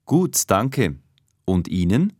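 A man's voice: fairly low pitch, very animated, slow pace, a little mellow, slightly rough, dry recording, studio quality, exaggerated voice. A man playing a formal, businesslike personnel manager interviewing an applicant in a scripted dialogue for language learners. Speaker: head of personnel conducting an interview.

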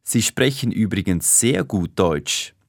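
A man's voice: fairly low pitch, animated, slow, creaky, no echo, clean studio sound, full character voice. A man playing a formal, businesslike personnel manager interviewing an applicant in a scripted dialogue for language learners. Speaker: head of personnel conducting an interview.

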